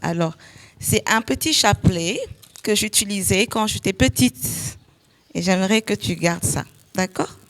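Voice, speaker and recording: A woman playing a devout, affectionate visiting sister in a drama, speaking halting broken French mixed with English. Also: medium pitch, slight background noise, natural voice. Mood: tender, devout.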